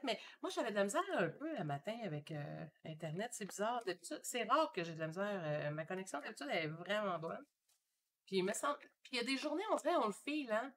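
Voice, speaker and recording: A woman's voice: a little high, slight background noise. A woman with a Québécois French accent, chatting casually and thinking aloud while she paints live from her home studio. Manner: chatty and relaxed, thinking aloud with many fillers. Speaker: painter hosting a live stream.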